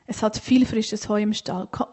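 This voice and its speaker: Friendly storybook donkey, easygoing, soft breathy tone, as a woman narrator puts it on. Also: medium pitch, steady tone, moderate pace, natural voice. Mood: cheerful. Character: cheerful good-natured little donkey.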